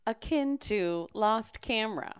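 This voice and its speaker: A woman's voice: a little high, animated, slow pace, smooth. A woman shark research scientist answering interview questions in a chatty, casual way, laughing easily and using many fillers.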